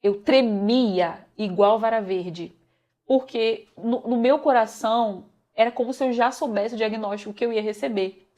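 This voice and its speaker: A woman's voice: on the high side, unhurried, mellow. A young woman with a Brazilian Portuguese accent, earnestly telling her own story to viewers and acting out the dialogue. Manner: earnest, addresses viewers as "gente", acts out quoted dialogue. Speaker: vlogger sharing a personal testimony. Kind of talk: emotional personal storytelling.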